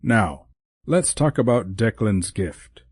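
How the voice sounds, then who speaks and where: A man voicing a kindly, wise old Santa Claus in an audiobook, talking in a fatherly, gentle way. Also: fairly low pitch, expressive, slow pace, slightly rough, no echo, studio quality, exaggerated voice. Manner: avuncular, calls her "my dear". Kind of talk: audiobook character voice.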